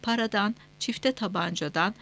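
A woman narrating a novel as an audiobook, reading in a steady, measured way with clear phrasing. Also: mid-range voice.

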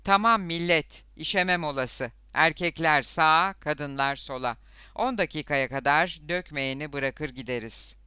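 A man voicing a sweaty, desperate middle-aged truck driver who pleads and calls out loudly, in a storybook reading. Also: on the high side, measured pace, hardly any pauses, clear, resonant tone, no echo, studio quality. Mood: hearty.

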